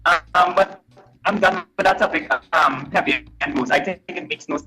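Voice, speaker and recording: A man's voice: high voice, moderate pace, over loud music. A man calling in to a live show, talking hesitantly with fillers, his voice coming through a glitchy phone line that keeps breaking up. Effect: glitchy phone call that keeps breaking up. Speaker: caller. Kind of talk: live call-in chat. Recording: distant, broken-up phone line.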